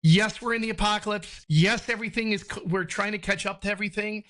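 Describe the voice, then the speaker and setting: A man's voice: high voice, quick pace, fairly bright tone. A man from New Jersey, a podcast guest talking candidly in a loose, rambling way, swearing freely. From New Jersey, United States. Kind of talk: candid conversational interview.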